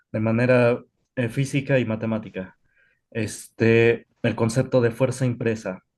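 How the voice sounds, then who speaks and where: A male physics teacher lectures a class at an ordinary pitch. He talks in a halting way, filling pauses with "este" and correcting himself as he goes. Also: a little mellow. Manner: halting, frequent "este" fillers, self-correcting.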